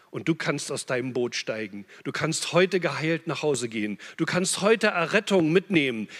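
Man, preacher, sermon, impassioned, loud peaks and hushed drops, slightly high voice, long hall reverb. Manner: impassioned, swings between loud urgent peaks and hushed low phrases.

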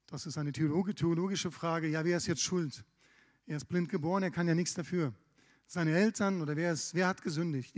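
A man's voice: on the high side, darkish tone. A man preaching a sermon, retelling scripture in a conversational way with casual asides. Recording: long hall reverb.

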